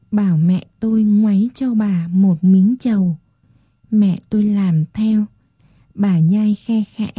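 A woman narrating a story in a calm, measured reading voice. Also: medium pitch, slightly rough, dry recording, studio quality.

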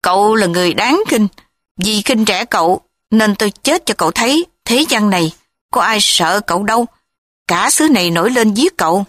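A woman's voice: mid-range voice, animated, normal speed, fairly bright tone, no room sound, clean studio sound. A woman voicing a scornful, defiant young woman who faces execution.

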